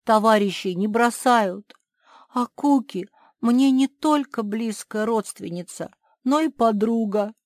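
A woman's voice: a little high, slow, dry recording, clean studio sound, pitched above the performer's own voice. A woman doing a stubborn young animal girl. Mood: earnest.

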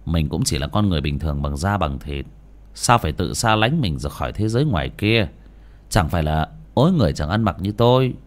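A man's voice: low voice, expressive, a little fast, pitched below the performer's own voice. A man voicing a blunt, hot-tempered young exorcist who scolds sharply. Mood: blunt instruction.

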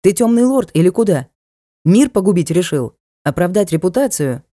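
A blunt young knight, voiced by a woman reading an audiobook needles and teases in a low, mellow voice. He talks in a brusque, matter-of-fact way. The recording is dry and close. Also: very animated, normal speed, no echo. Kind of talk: audiobook character voice.

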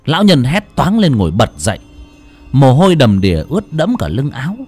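A man narrating a horror story in an expressive, dramatic style. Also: medium pitch, brisk, breathy edge, faint music behind. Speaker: audiobook narrator.

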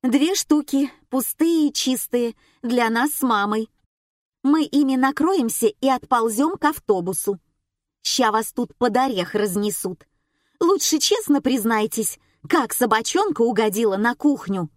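A woman voicing a calm, sardonic young woman who stays unflappable and dry. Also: on the high side, measured pace, no echo. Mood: ironic.

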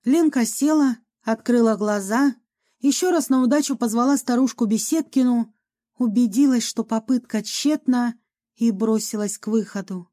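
A woman narrating an audiobook in a calm, even storytelling manner. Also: fairly high pitch, moderate pace.

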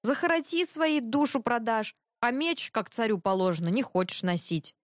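A woman's voice: on the high side, normal speed, no room sound, studio quality, lightly acted. A woman doing a teasing young prince. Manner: teasing, animated. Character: lively young tsar's son, teasing brother.

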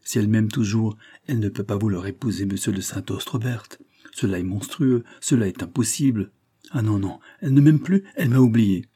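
A man's voice: fairly low pitch, fairly even intonation, a little fast, mellow, husky. A man reading an audiobook, voicing an anguished young man in love who pleads in agitated outbursts. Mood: distraught.

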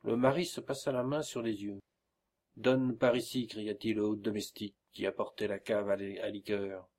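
A man's voice: fairly low pitch, steady tone, normal speed, darkish tone. A man reading a classic novella aloud as an audiobook, voicing the characters lightly in his own voice. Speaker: audiobook reader. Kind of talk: scripted narration of a classic novella.

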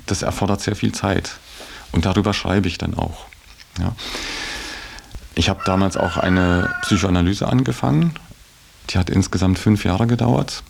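A man with a very deep, gravelly, darkish voice is interviewed for a radio feature, giving a reflective personal account in conversation. He speaks haltingly and thoughtfully, often closing phrases with a tag word.

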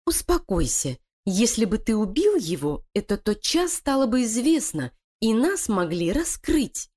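A woman's voice: fairly high pitch, sing-song, a little slow, warm tone, voice pushed up. A woman voicing Lilia, a sly, scheming female animal who talks in a cold, threatening, commanding way. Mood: calculating.

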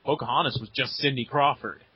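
Young guy gushing about books, husky, pitch all over, dull dry audio. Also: brisk, dry recording. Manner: excited, laughing, stumbling restarts. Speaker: podcast co-host. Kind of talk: casual chat. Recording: dull lo-fi recording.

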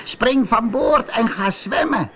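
Male storyteller voicing a wicked storybook sea witch; shrill, screechy, menacing, swooping pitch. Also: animated, slow pace, a little hiss or hum, heavily acted. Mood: commanding.

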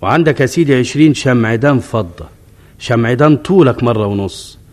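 A man's voice: mid-range voice, lively intonation, fairly quick, close to an everyday voice. A man playing a grand, boastful folk hero with an Egyptian accent, speaking expansively and with command in colloquial drama dialogue. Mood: grand boasting.

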